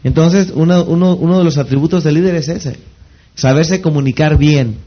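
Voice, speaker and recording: A slightly high-pitched man with a Mexican accent lectures a seminar audience and keeps tossing out rhetorical questions for them to answer. The recording sounds dull and lo-fi. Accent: Mexican Spanish. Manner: rhetorical questions, pausing for the audience to fill in words. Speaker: network marketing trainer. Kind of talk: motivational seminar talk.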